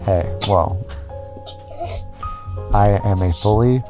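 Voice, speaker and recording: A man's voice: lowish voice, slow, music in the background. A man hosting a comedy podcast, improvising chat and mock interviews with a mock-sincere, hesitant delivery.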